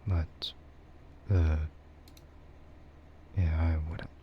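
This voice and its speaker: A young man streaming as a VTuber in a whispered role-play ASMR style, rambling softly with chuckles and fillers into a close mic. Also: rumbling low, flat delivery, drawn-out words, muffled recording, a little hiss or hum.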